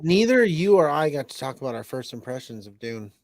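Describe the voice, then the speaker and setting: A man's voice: a little high, very animated, fairly quick, dry recording. A man on a casual podcast panel, joking and laughing, swearing often.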